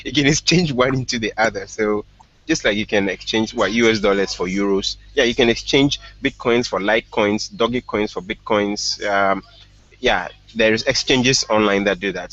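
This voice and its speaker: Laid-back low-voiced man on a lo-fi call. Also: normal speed, dry recording. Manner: relaxed, laughs often, hesitant fillers. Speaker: startup founder guest. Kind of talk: casual online discussion. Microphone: headphones with mic on a call. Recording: dull lo-fi online call audio.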